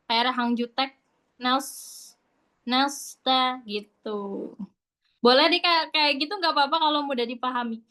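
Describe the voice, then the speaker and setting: A woman's voice: high-pitched, normal speed, bright, forceful tone. A woman teaching Quran recitation in an online class, explaining patiently in a casual, chatty way and sounding out letters as examples. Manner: patient, demonstrates sounds aloud.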